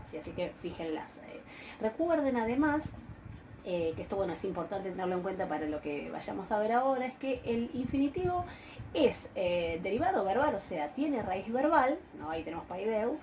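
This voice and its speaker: A woman's voice: medium pitch, background noise. A woman with an Argentine Spanish accent giving a university grammar lecture, explaining patiently with frequent hesitations and check-in questions. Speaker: university Greek teacher. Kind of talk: recorded online lecture.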